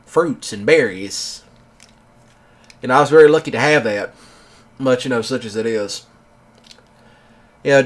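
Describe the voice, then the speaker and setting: Rambling man in his thirties. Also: mid-range voice. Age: 30s. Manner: rambling, filler-heavy with many "you know"s. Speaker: gaming channel host. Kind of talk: casual storytelling monologue.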